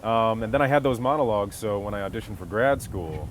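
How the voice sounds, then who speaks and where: An American stage actor from Connecticut tells stories in a casual interview outdoors on a golf course. His voice is on the low side, animated, and quick. The audio is poor, with clear outdoor noise and passing vehicles.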